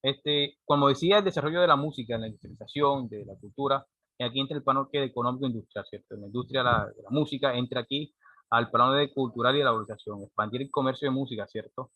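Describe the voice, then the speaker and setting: A man's voice: medium pitch, fast talker, no echo, phone-quality sound. A man, giving a classroom lecture and often checking in with a rhetorical "right?". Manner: explanatory, frequent rhetorical "¿cierto?" checks. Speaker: teacher.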